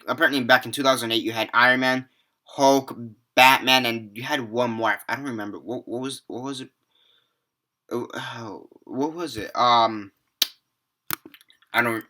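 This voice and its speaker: Here a teenage boy, seventeen, talks over a film in a loose, meandering way. His voice sits at medium pitch with a sharp edge, and the review is littered with fillers, false starts and occasional cursing.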